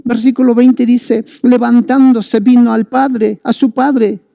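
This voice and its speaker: A man's voice: very high voice, level tone, slow pace, vocal fry, mellow, no echo, clean studio sound. A male preacher giving a sermon to listeners, urging them on with fervent, repeated calls. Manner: fervent, repetitive exhortation.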